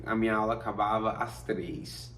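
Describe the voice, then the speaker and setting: A man's voice: lowish voice, normal speed, far from the mic. A Brazilian man in his thirties, a vlogger casually telling a personal story and acting out the dialogue. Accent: Brazilian Portuguese. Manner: lively, acts out dialogue in quotes. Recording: roomy echo, away from mic, faint noise.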